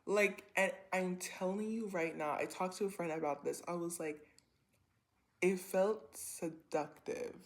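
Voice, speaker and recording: A woman in her twenties telling a personal story to camera in a rambling, animated way, full of slang and filler words. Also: fairly low pitch, unhurried. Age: 20s. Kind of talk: casual storytime vlog.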